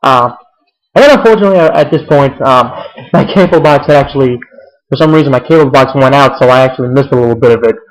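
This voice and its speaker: A man's voice: mid-range voice, quick pace, poor audio. A young man giving a casual, rambling recap of a wrestling show, full of fillers and restarts.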